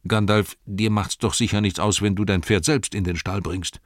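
A man voicing a bustling, excitable innkeeper who rattles on breathlessly and yells at his staff, in a storybook reading. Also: lowish voice, dry recording, studio quality, natural voice. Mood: blustering. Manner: rapid breathless torrent of words, shouting at staff.

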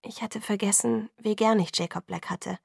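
A woman narrating an audiobook in first person, calm and measured, close to the mic. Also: medium pitch, creaky, breathy edge, no echo.

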